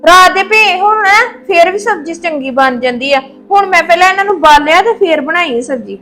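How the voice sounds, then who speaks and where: A woman's voice: very high voice, lively intonation, a little fast, soft background music, full character voice. A young woman playing a mild young daughter-in-law. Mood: explaining. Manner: mild and answering back gently.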